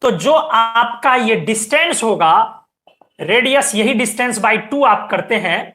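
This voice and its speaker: A woman's voice: fairly high pitch, animated, takes it slowly, fairly bright tone. A woman teaching a chemistry lecture, explaining step by step and often asking her students questions and telling them to pay attention. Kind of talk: classroom lecture.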